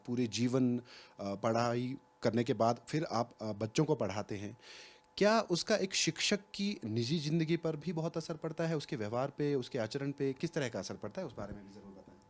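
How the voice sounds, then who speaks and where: A man's voice: medium pitch, expressive, normal speed, darkish tone. A male TV interviewer with a mid-range voice. He asks his guest long, carefully framed questions in a polite, respectful and formal tone.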